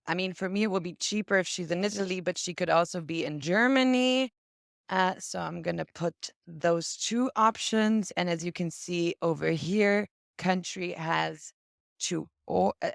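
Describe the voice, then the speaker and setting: This woman speaks on the low side with a creaky quality, captured in a dry, studio-quality recording. Appearing as a guest on a video call, she casually walks through a casting website. Along the way she acts out a sample search in a chatty, explanatory style.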